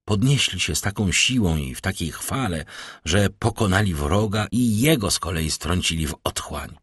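A man's voice: low-pitched, expressive, normal speed, fairly bright tone, husky, no room sound, clean studio sound, exaggerated voice. Man voicing a proud young nobleman. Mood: earnest resolve.

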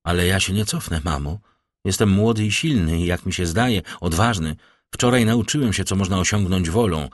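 Earnest, determined young nobleman from a classic novel, read by a man in a very low voice. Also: normal speed, dry recording, studio quality. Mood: earnest resolve.

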